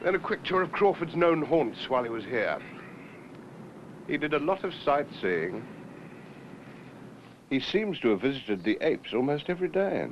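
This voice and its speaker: An actor playing a wry senior British detective in a 1970s television drama, speaking in a clipped, dryly authoritative way. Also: male voice, on the high side, very animated, normal speed, long pauses. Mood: measured, explanatory. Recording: dull, noisy 1970s television location sound.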